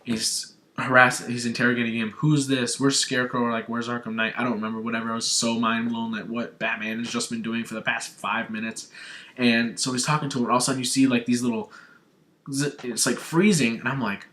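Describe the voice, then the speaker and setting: A young man from Arizona recapping a gaming showcase on his vlog, talking with gushing, excitable fan enthusiasm. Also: medium pitch, a little fast. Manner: gushing, breathless fanboy enthusiasm. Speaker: gaming vlogger. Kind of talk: excited video game recap.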